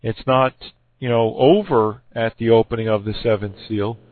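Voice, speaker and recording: A man arguing over scripture with a halting, self-correcting delivery full of fillers. His voice is going hoarse. The sound is dry and tinny, like a phone line. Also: fairly low pitch, dry recording. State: losing his voice. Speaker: Bible debater. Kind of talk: recorded argument addressed to another person.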